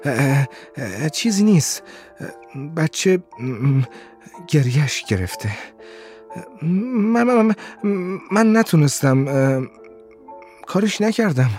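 A man's voice: sits high, lively intonation, few pauses, soft background music, pitched above the performer's own voice. A man doing a stammering, flustered young father.

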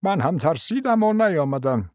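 A frail, forgetful old prince, put on by a male narrator, drawling and mumbling, his voice lifted well above the reader's own and sliding up and down. The words come slowly and often trail off into confusion. The recording is close and dry. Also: fairly high pitch, big pitch swings, a little mellow, dry recording, pitched above the performer's own voice. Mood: mumbling, muddled. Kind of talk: audiobook character voice.

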